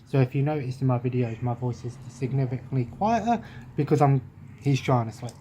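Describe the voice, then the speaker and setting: Brisk and mellow, with a medium-pitched voice, a young English gaming vlogger chats casually to camera from his living room sofa. He rambles, wanders off topic and restarts sentences, recorded on a close webcam with slight background noise.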